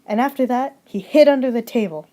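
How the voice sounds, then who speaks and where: A woman's voice: a little high, a little fast, warm tone. A young woman reads her own fairy tale aloud for a class project, stringing events together with "and then", in a plain amateur home recording. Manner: plain storytelling with frequent "and then".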